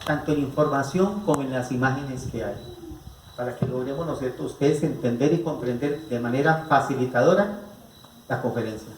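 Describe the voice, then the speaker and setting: A man's voice: mid-range voice, normal speed, a little hiss or hum. A man with a Colombian accent gives a psychology talk to a live audience, asking rhetorical questions and checking in with the listeners. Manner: rhetorical, asks the audience questions, repeats "¿no es cierto?". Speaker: psychologist giving a family conference. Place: rural venue with an audience. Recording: echoey room picked up from a distance.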